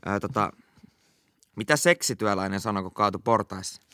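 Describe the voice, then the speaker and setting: Low-voiced young man, deadpan and crude. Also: no echo. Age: young adult. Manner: casual, crude, deadpan punchlines. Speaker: podcast co-host. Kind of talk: casual chat trading bad jokes.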